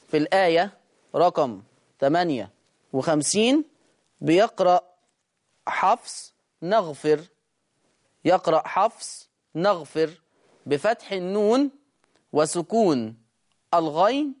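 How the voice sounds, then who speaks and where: A Quran recitation teacher with an Egyptian accent, explaining quickly and then slowly drawing out each word to demonstrate how it is read. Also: medium pitch, lively intonation. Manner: brisk explanation, slow drawn-out demonstration of words. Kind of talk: recitation lesson.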